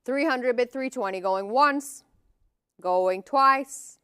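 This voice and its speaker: A woman's voice: fairly high pitch, slow pace, sharp tone, clear, resonant tone, no room sound, clean studio sound. A woman working as an auctioneer, calling lots and bids in a formal, clipped, repetitive manner.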